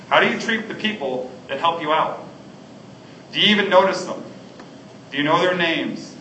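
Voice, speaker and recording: A man's voice: a little high, pushed and bright, a little hiss or hum. A middle-aged man preaching a sermon as a pastor, earnest and conversational, with frequent ums. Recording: echoey room, mic at a distance.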